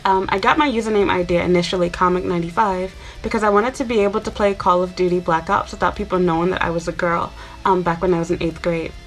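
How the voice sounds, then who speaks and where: A lowish, steady voice at a quick pace belongs to a Chicago YouTuber in her twenties, chatting casually to camera in a rambling manner full of fillers. Faint music sits behind her, and the recording is rough.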